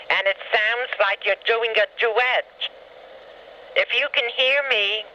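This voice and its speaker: Older mother on a voicemail: bright, insistent voice, fretful advice, muffled phone sound. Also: mid-range voice. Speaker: mother phoning her adult daughter. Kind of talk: leaving a voicemail. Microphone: telephone. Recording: dull, noisy answering-machine phone recording.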